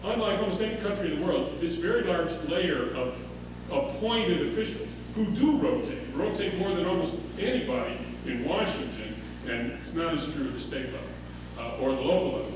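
A middle-aged man speaks at a podium in a big conference hall, halting and full of "uh" as he gathers his thoughts. The sound bounces hard around the room and he seems some way off the mic. A steady hum sits under everything. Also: sits high. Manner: hesitant, many "uh" fillers and restarts. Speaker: conference panelist. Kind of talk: unscripted remarks at a podium. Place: large wood-paneled conference hall. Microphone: podium microphone. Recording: echoey hall audio from a distant mic, with hum.

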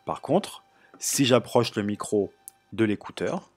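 A man hosting a computer tutorial, explaining step by step in a relaxed way with frequent filler sounds. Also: lowish voice, takes it slowly, music in the background. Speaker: tutorial host. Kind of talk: screen-recorded tech tutorial.

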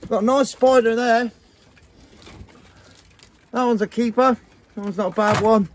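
On a small boat outdoors, a man with a very high-pitched, steady voice gives unhurried, casual vlog commentary, matey and full of slang and "guys." An action camera or phone records him from a few feet away, and the audio is noisy with faint boat and outdoor sounds.

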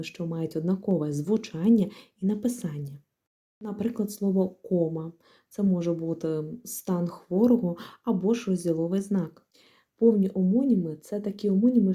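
A young woman explaining grammar in a clear, lightly joking lesson. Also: on the low side, dark tone. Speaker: Ukrainian language tutor. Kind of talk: exam-prep lesson.

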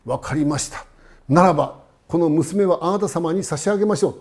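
A man voicing a grieving, humble old village father who speaks with deep deference. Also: brisk, close to an everyday voice. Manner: deferential, very polite speech.

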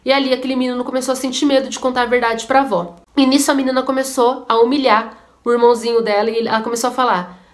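A woman's voice: a little high, fairly even intonation, fast talker. A woman telling a story and preaching earnestly in a devotional video. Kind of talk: devotional sermon-style storytelling.

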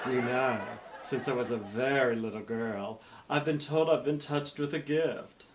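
A middle-aged man playing a sugary, self-proclaimed mystical drag diva, making a coy, theatrical hard sell infomercial pitch. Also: measured pace, distant mic, slight background noise, close to an everyday voice. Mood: grandiose, sweet. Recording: echoey room, off the mic.

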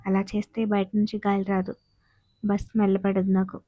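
Flat-toned woman narrating a story. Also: mid-range voice, moderate pace, no room sound. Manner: calm, even storytelling. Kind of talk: scripted first-person narration.

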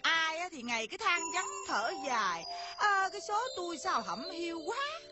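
A high-voiced, weepy pregnant wife , played by a woman, nags her husband in a comic folk-opera skit. She scolds and whines in turn over loud stage music. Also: very animated, normal speed. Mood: nagging complaint. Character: fretful pregnant middle-aged wife, touchy. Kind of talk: comic folk-opera acting with sung verses.

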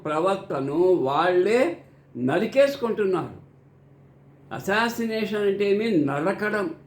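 Slow, earnest older man in echoey room. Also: high voice. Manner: slow, earnest, preacherly delivery. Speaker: scripture reader and teacher. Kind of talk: devotional scripture recitation with explanation.

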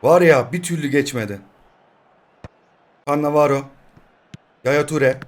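A man in his twenties commentating his own mobile football match, swinging between shouting at his players and quiet muttering. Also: a little high, a little slow. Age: 20s. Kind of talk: live gameplay commentary.

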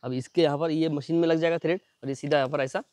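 A man doing a fast, chatty unboxing demo, pointing things out again and again as he shows each part. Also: on the high side, fairly even intonation, darkish tone, dry recording. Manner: fast, chatty, repeats "ye dekho" constantly. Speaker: product reviewer. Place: at home near a building site.

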